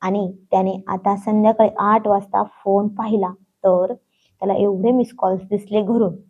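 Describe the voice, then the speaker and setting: A woman reading a story aloud in a steady, plain storybook narration. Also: medium pitch, moderate pace. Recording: dull lo-fi sound.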